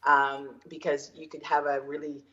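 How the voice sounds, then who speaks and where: A woman's voice: sits low, little pitch movement, normal speed, a bit bright, muffled recording. A Canadian woman speaking as a guest in an interview, chatty, with many fillers and easy laughter. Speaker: guest realtor. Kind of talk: casual interview.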